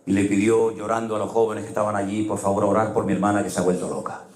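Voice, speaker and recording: A middle-aged man preaching a sermon as a pastor, telling personal stories with emotion and sudden leaps in pitch. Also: flat delivery, fast, a little mellow. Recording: echoey room.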